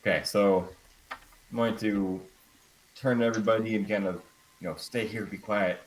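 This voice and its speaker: A man with a fairly low voice playing in a tabletop game. He talks casually, asking many questions of the game master. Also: fairly even intonation, normal speed, rough recording. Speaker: player.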